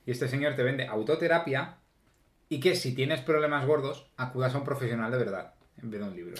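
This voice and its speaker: A man chatting on a podcast in a dry, joking way. His voice sits at a middle pitch. The room around him rings with noticeable echo. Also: fairly quick. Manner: reads quotes aloud, wry and joking. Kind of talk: casual chat. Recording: echoey room.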